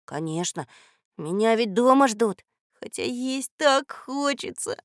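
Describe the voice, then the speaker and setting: A timid, hungry young boy murmuring in a hushed whispered role-play, low and slow, as a woman reader puts him on. The voice is soft, close and dry, each word almost breathed. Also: very animated, no room sound, full character voice. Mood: anxious.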